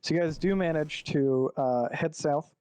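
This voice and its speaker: A man running a tabletop game, his voice sitting a touch high for a man. He rambles and thinks aloud with plenty of ums and uhs. His sound is dry and close, on a home mic over a call. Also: measured pace, dark tone, clear, resonant tone, no echo. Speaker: game master. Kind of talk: narrating a tabletop game online.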